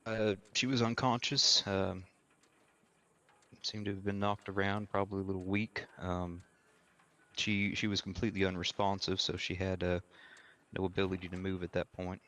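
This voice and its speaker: A low-voiced frontier woodsman played by a man testifies in a courtroom role-play. He is measured and deliberate, choosing formal words and halting often as he goes. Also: flat delivery, bright, forceful tone. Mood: measured, careful.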